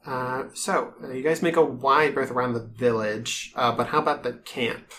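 Male game master, bright-edged voice, improvised narration in halting fragments, noticeable background noise. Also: mid-range voice, steady tone. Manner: halting, pieces scenes together in short phrases.

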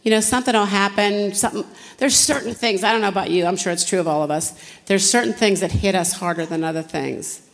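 A woman's voice: mid-range voice, fast. A woman giving an earnest sermon-style talk at a women's conference, asking the audience direct questions. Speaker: conference speaker. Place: conference hall. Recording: long hall reverb.

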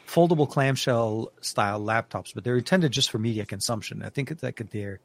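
A man's voice: mid-range voice, animated, brisk, gravelly. A man co-hosting a casual tech podcast, rambling with many restarts, fillers and frequent laughs. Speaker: podcast co-host.

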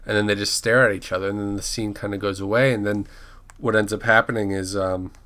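A man's voice: on the low side, steady tone, quick pace, pushed and bright. A man co-hosting a casual podcast, recapping a TV episode in a rambling way and often correcting himself. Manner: rambling, restarts and self-corrects names. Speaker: podcast co-host.

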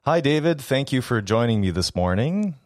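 A man's voice: medium pitch, big pitch swings, normal speed, no echo, clean studio sound. A man with a French accent hosting an education podcast, eager and a little rambling, restarting his sentences. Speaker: podcast host. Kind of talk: podcast interview.

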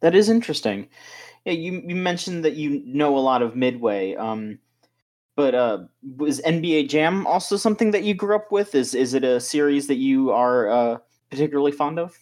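A man interviewing a guest, asking casual questions in a halting way with small restarts. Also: on the high side, animated, darkish tone.

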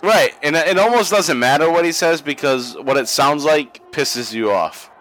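A man's voice: fairly high pitch, expressive, normal speed, a bit bright, poor audio. A young man co-hosting a podcast, watching old wrestling and chatting casually, profane and laughing a lot. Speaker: podcast co-host. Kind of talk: casual watch-along commentary.

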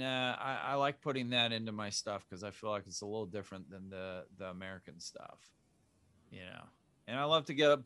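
A man's voice: on the low side, pushed and bright, clean tone, dry recording. A man born in Zimbabwe, a filmmaker chatting casually in an interview, rambling with many restarts and fillers. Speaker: filmmaker guest.

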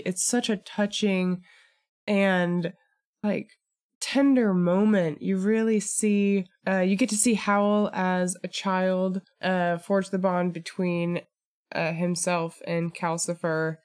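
A woman co-hosting a podcast in casual chat, animated and joking, with quick asides. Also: lowish voice. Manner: chatty, animated, quick asides and self-deprecating jokes. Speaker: podcast co-host.

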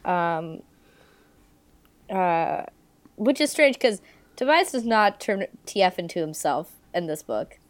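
A young woman co-hosting a podcast in a loose, unhurried way. She hesitates often and drops dry asides as she chats. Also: on the low side, expressive. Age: young adult. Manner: laid-back, lots of ums and laughs, dry. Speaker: podcast co-host. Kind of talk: casual chat.

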